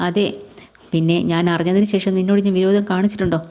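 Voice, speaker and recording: A woman's voice: fairly low pitch, fairly even intonation, quick pace, warm tone, natural voice. Woman reading as a stern betrayed husband. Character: wounded, stern husband who feels betrayed.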